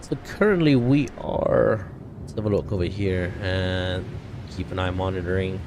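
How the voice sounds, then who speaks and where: Low-voiced streamer rambling. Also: male voice, normal speed, darkish tone, a little hiss or hum. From Italy. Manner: rambling, many fillers and self-corrections. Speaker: flight sim streamer. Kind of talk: casual live-stream chat.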